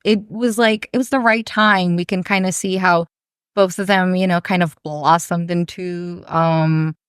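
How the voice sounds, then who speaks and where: A woman's voice: lowish voice, steady tone, a little slow, smooth, dry recording, clean studio sound. A woman in her thirties from Brazil, a podcast guest and business owner, talking in a rambling, friendly way. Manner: rambling, warm, full of "you know" fillers. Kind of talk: casual interview chat.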